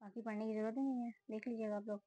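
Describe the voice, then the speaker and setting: A woman talks through an exam paper, reading options aloud and ruling on each one in a few words. Her voice is mellow and warm, and the recording is dry with no room sound. She speaks casually, like a student thinking out loud. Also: a little high, steady tone, dry recording, highs cut off. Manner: reads options aloud, then quick verdicts. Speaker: student solving a test series. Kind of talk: casual spoken walkthrough of exam answers.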